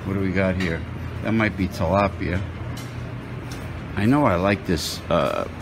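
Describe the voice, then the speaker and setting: A man's voice: low voice, a little slow, over music. A man filming a casual walk-through of a restaurant buffet on his phone, chatting and muttering to himself as he picks food. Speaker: vlogger. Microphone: handheld phone.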